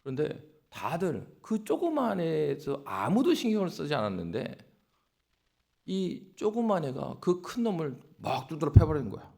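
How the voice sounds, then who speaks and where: A male pastor preaching a dawn sermon with animated storytelling and exhortation. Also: on the high side, moderate pace, gravelly.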